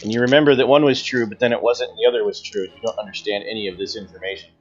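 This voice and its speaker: A man's voice: on the low side, fairly even intonation, very fast, husky, dull audio, soft background music. A man narrating a tabletop horror game as game master, with dramatic storytelling. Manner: dramatic second-person storytelling. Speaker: game master, show host.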